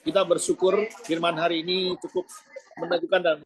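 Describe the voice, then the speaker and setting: A man leading an online church group discussion over a video call whose connection keeps breaking up, speaking in halting, stop-start phrases. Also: sits high, steady tone, breathy edge. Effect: choppy, breaking-up online call connection. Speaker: meeting leader.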